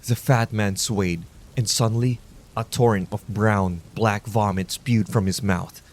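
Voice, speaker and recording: A man narrates horror stories at a measured, low-key pace, meant to lull listeners to sleep. His voice sits low and steady. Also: slight background noise. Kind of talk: calm scripted sleep-story narration.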